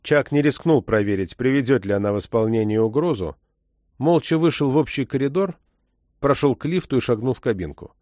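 A man reading an audiobook novel in a steady, measured narrating voice. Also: mid-range voice, no room sound, studio quality. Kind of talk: scripted narration.

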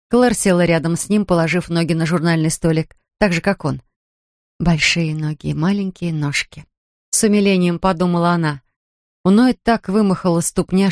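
An audiobook narrator reading a suspense novel in a measured, even way. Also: medium pitch, dry recording, studio quality. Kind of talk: scripted narration of a thriller.

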